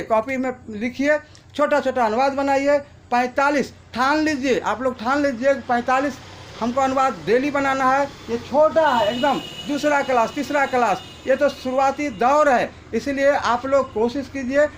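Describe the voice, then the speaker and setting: A male teacher giving a Sanskrit grammar lesson, slowly repeating each form for students to copy. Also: very high-pitched, a bit bright, a little hiss or hum. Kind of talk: classroom lesson.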